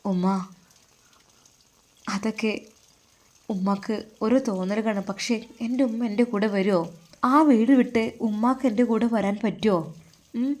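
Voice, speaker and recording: A gentle young man speaks softly and earnestly, comforting and reasoning with his mother in a Malabar Malayalam accent, as a woman reads his part. The voice is mellow and dark in tone, pitched at an ordinary middle height. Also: fairly even intonation, unhurried, pauses often, close to an everyday voice. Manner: soft, earnest, soothing. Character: young unmarried man, gentle devoted son.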